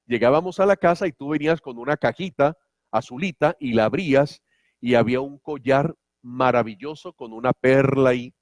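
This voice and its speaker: A man's voice: mid-range voice, moderate pace, dry recording, studio quality, close to an everyday voice. A man voicing a wife who sweetly coaxes her husband about a birthday gift, raising his voice for her. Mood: wheedling.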